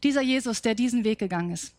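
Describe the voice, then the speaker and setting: A woman's voice: a little high, fast, darkish tone, no echo. A woman preaching a reflective sermon. She poses questions to her listeners and then answers them.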